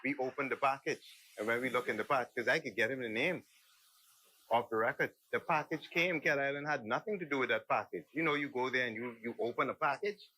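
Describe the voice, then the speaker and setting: A man's voice: medium pitch, fast talker, sharp tone, slightly rough, low-quality recording. A man with a Bahamian accent speaking off the cuff as a member in parliamentary debate. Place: legislative chamber.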